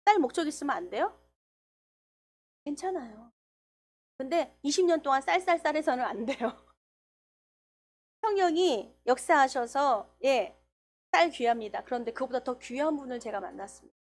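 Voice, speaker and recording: High-voiced woman preaching a sermon. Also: moderate pace, long pauses. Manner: storytelling with lively quoted dialogue.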